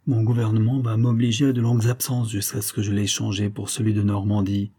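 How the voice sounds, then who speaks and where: A man reading an audiobook, voicing a brutal, raging middle-aged nobleman count who blusters loudly. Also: lowish voice, little pitch movement, brisk, breathy edge. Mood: feigned gentleness. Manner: loud and blustering.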